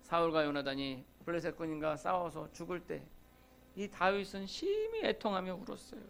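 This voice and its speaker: A man's voice: a little high, big pitch swings, moderate pace, creaky, fairly bright tone, slight background noise. A man preaching a Sunday sermon as pastor, talking conversationally and acting out quoted grumbles from everyday life. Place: church sanctuary.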